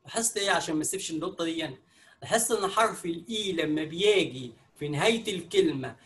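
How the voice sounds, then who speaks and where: A man's voice: on the high side, fast talker, a bit bright, a little hiss or hum. A man with an Egyptian Arabic accent explaining an English lesson patiently, step by step, with many fillers. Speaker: English teacher.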